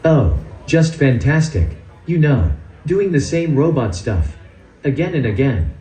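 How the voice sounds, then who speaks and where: A man's voice: medium pitch, sing-song, measured pace. Give me a grumpy, sarcastic robot assistant, a synthetic male voice. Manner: dry, sarcastic and mock-theatrical. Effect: synthetic text-to-speech voice. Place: large event hall. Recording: echoey hall through a loudspeaker.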